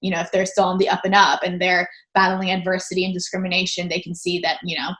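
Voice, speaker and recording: A woman's voice: lowish voice, completely flat delivery, fast talker, a bit bright. Reflective woman host on a video call. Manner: reflective, thinking aloud. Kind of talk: casual interview conversation.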